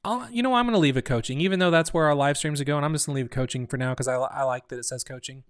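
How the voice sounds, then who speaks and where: A man's voice: fairly high pitch, racing, smooth, no room sound, studio quality. A man hosting a casual live stream for his online community, rambling and thinking aloud, often restarting his sentences. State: hiccuping. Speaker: community host.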